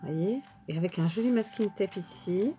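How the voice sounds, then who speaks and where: A woman's voice: medium pitch, normal speed, faint music behind. A woman chatting casually to her viewers while unpacking crafting mail, full of fillers and restarts. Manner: chatty, many fillers and restarts, warm thanks. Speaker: crafting YouTuber. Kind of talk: casual chat showing mail and purchases.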